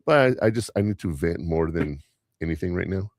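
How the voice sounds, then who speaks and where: This podcast host, a school teacher and native Spanish speaker, has a low, gravelly voice with a darkish tone. He talks briskly and expressively, wandering through work stories and laughing frequently. The audio sounds close and dry, without any reverb.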